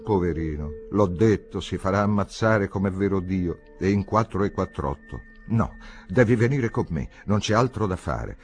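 A man doing a bossy, street-wise army canteen woman, scolding and ordering a young recruit around, his low voice swinging up and down with lively inflection, all from a storybook reading. Her tone is commanding and motherly at once. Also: normal speed, husky, faint music behind.

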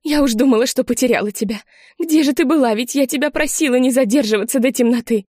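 A woman's voice: high voice, quick pace, darkish tone, no echo, clean studio sound. A woman voicing a distraught, tearful mother. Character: terrified, tearful mother of the narrator.

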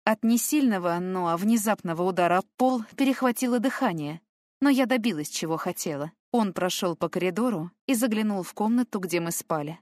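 A woman's voice: mid-range voice, animated, fairly quick, darkish tone, dry recording. Female audiobook narrator, emotional first-person read, dry close mic. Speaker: audiobook reader.

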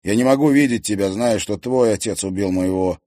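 A man's voice: mid-range voice, expressive, a little fast, a little mellow, no room sound, clean studio sound, pitched above the performer's own voice, close to an everyday voice. A man voicing a sullen young man who speaks gloomily and tiredly. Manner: gloomy, tired, bursts into anger.

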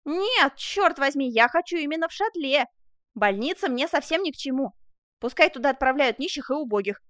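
A woman playing a loud, rash young man. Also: high-pitched, animated, normal speed, no echo, clean studio sound, pitched above the performer's own voice. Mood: agitated. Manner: exclaiming, agitated.

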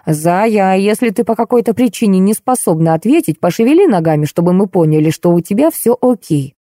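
A woman's voice: mid-range voice, lively intonation, fairly quick, warm tone, no room sound, studio quality, close to an everyday voice. A woman reading the lines of a pompous, bossy middle-aged police colonel in an audiobook. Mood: commanding. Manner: pompous commanding.

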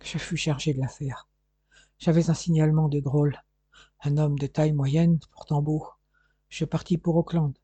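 A man's voice: a little high, level tone, warm tone, breathy edge, no room sound. Man doing a faint, gasping dying detective. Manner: weak, halting, breathless speech.

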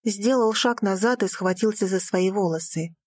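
A woman reading a first-person audiobook aloud, expressive and lifting her voice for the heroine's lines. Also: medium pitch, normal speed, slightly rough. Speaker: audiobook narrator.

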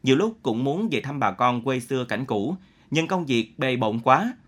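A man's voice: mid-range voice, expressive, moderate pace, lightly acted. A man voicing an earnest, restrained young revolutionary leader in a read story.

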